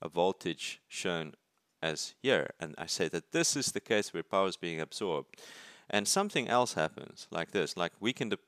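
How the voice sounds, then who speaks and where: Low-voiced male lecturer explaining circuits. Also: lively intonation, moderate pace, fairly bright tone, no room sound, studio quality. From South Africa. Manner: thinks aloud, restarts words, asks "right?". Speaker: university lecturer. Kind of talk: explaining while drawing circuits. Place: at a desk, filming paper from above.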